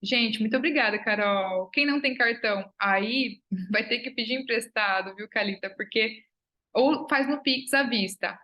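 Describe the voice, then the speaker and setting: Mulher animada respondendo perguntas ao vivo. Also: female voice, a little high, moderate pace, lo-fi sound. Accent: Brazilian Portuguese. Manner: chatty, upbeat, reads out viewer comments and answers them. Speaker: child psychology course instructor. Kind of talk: live class Q&A with viewers.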